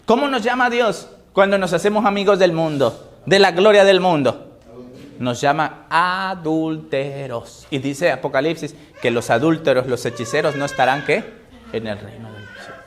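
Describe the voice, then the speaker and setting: A male pastor delivering a sermon with a notably high voice. He keeps asking the congregation questions and filling in the answers himself, rising to loud emphatic readings before dropping into soft, low remarks. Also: moderate pace. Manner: preaching with call-and-response questions to the congregation; swings between raised emphatic reading and low, quiet asides.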